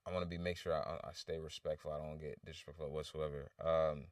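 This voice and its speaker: A man's voice: extremely low pitch, little pitch movement, fast talker, no room sound, studio quality, distant mic. A man giving candid, loose and rambling feedback on submitted songs during a casual livestream. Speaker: livestream music reviewer.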